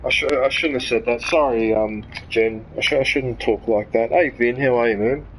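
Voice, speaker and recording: Chatting live during a game stream, this streamer from Sydney, Australia rants and rambles, cursing freely before saying sorry. Their medium-pitched voice moves at a moderate pace over slight background noise, and the headset-mic recording is rough.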